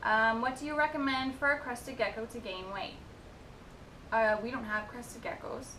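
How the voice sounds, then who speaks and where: A young woman of twenty-one with a slightly high voice runs through viewer questions in a loose, chatty way, tossing in giggles and quick asides. She sounds like she is in a roomy, echoey space, with a steady rumble of noise underneath. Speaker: vlogger answering viewer questions. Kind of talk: casual Q&A chat. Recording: echoey room with noisy rumble.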